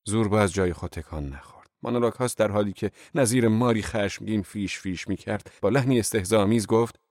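A man with a very deep voice reads a novel aloud at a measured, even pace. The sound is dry and close, with no room around it. He tells the story plainly and keeps his delivery steady. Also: no room sound. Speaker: narrator. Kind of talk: audiobook narration.

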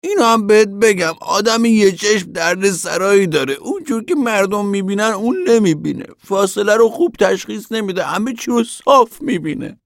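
A man's voice: high-pitched, lively intonation, few pauses, no room sound, clean studio sound. A whiny one-eyed man. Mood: complaining. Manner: plaintive, dragging delivery.

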